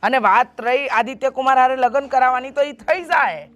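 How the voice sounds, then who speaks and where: A woman's voice: high voice, moderate pace, a bit bright, muffled recording. A woman playing a stern mother. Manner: stern, lecturing. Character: worried mother lecturing her daughter. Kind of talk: family drama acting.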